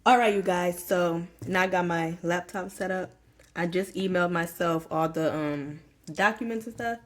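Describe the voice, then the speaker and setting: Young woman, home tutorial vlogger, chatty and casual, slightly low-pitched, lots of um and y'all. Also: moderate pace. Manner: chatty, filler-heavy, addresses viewers as y'all and you guys. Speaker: small business owner. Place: home room.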